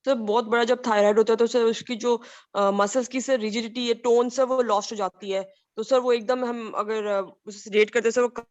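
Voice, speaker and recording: A woman's voice: on the high side, fairly even intonation, normal speed, highs cut off. A woman student answering a teacher's questions in a hesitant way, often calling him sir.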